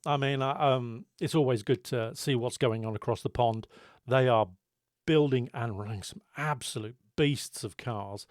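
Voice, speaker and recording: A man's voice: mid-range voice, moderate pace, no room sound. British man hosting, dry close sound. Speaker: podcast host. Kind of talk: casual podcast chat.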